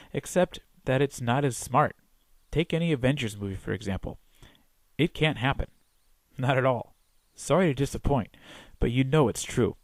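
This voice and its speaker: A man's voice: medium pitch, darkish tone, dry recording. A man narrating a scripted film review as the reviewer, in a wry, opinionated way.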